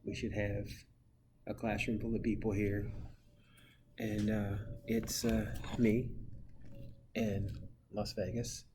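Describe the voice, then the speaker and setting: A man's voice: flat delivery, slow, pauses often, background noise. A male social studies teacher sitting alone in an empty classroom, giving a rambling farewell to his students in a goofy, casual way. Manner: goofy, rambling, playfully mimics students in high voices.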